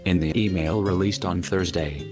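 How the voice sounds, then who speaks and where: A man reading a news report in a steady, measured way through a disguised deep voice changer. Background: music.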